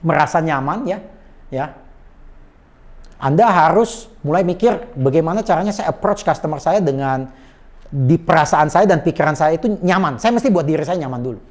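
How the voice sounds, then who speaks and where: A man coaching on sales manners in a lively conversational talk, explaining with quick asides and often addressing his listener politely. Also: a little high. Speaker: sales trainer.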